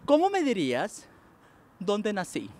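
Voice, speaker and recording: A man with a very high voice hosts a lively street quiz. He teases his guest and hops between Spanish and English as he teaches. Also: unhurried. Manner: animated, teasing, switches between Spanish and English. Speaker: game show host and English teacher. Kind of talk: playful street quiz show.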